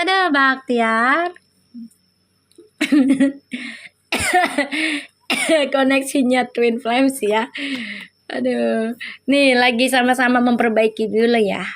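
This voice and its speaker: A woman's voice: high voice, very slow, long pauses, a bit bright. A woman from Indonesia, reading tarot and chatting casually with viewers on a livestream, teasing and affectionate. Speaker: tarot reader.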